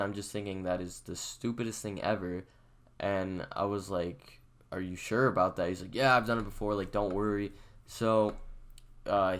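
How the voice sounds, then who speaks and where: A young man telling a story in a casual, rambling way, leaning on "like" and acting out what people said. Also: on the low side. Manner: rambling, leans on "like" and acts out the quotes.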